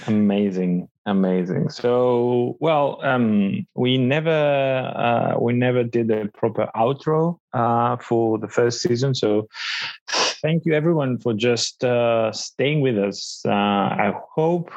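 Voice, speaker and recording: Slow, gravelly man co-hosting a podcast. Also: medium pitch, a little mellow, no echo, muffled recording. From Greece. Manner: halting, thoughtful, often pausing mid-sentence. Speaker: podcast co-host. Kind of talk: casual podcast conversation.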